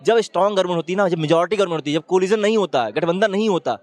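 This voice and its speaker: A man's voice: high-pitched, very fast. A man giving his opinion in a street interview, talking in an emphatic, argumentative way and often urging the listener to look.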